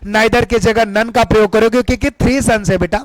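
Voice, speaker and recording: A man's voice: high voice, steady tone, a little fast, dry recording, rough recording. A man teaching English grammar for exams, emphatic and repetitive, often asking the students questions and calling them beta. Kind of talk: exam-prep lesson.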